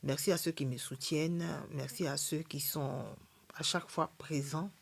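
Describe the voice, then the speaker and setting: A woman's voice: deep voice, fairly even intonation, moderate pace, vocal fry, husky. A woman hosting a spiritual livestream, speaking French with an accent she mentions herself, in a blunt, defiant way, often checking in with the audience. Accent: non-native French accent. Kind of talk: live stream monologue. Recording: live stream.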